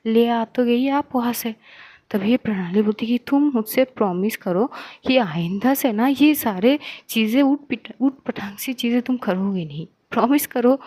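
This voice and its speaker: A woman narrates a love story in a loose, conversational way and gives the characters' lines real emotion. Her voice sits a little high, and the recording is dry, with no room sound. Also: darkish tone, no echo. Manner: retells the plot loosely, voices the lines with feeling. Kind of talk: casual spoken story narration.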